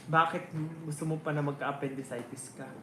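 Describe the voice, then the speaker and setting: A man's voice: on the high side, fairly even intonation, normal speed, background noise. A man singer hosting a casual livestream, reading out viewer comments and teasing them playfully while mixing English into his talk. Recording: roomy echo with ukulele music behind.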